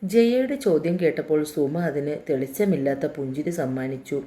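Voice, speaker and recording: A woman narrating a dramatic novel in a steady, emotive reading. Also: deep voice, moderate pace, slight background noise. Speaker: storyteller. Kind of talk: scripted story narration.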